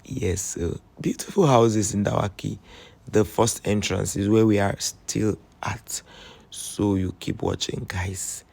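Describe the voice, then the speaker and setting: A Nigerian man narrates his travel vlog in a voice that is hoarse and strained. His tone sits low, with a gravelly fry running through his words. He talks in an earnest, chatty way and pleads openly with his viewers. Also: takes it slowly, darkish tone. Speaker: travel vlogger.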